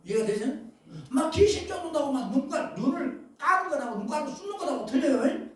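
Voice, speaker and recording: Animated high-voiced preacher in echoey hall. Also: male voice, a little fast. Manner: emphatic, shifts between loud bursts and asides, questions the congregation. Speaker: pastor. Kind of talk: sermon. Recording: very echoey hall, voice far from mic.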